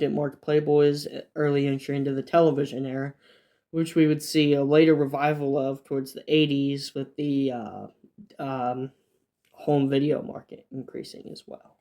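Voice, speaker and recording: A man's voice: a little high, flat delivery, moderate pace, warm tone. A man hosting a history video, reading scripted lines about dates and events and breaking off into offhand asides with fillers and restarts. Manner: fillers and restarts between points. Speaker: video essay host. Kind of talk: semi-scripted history narration.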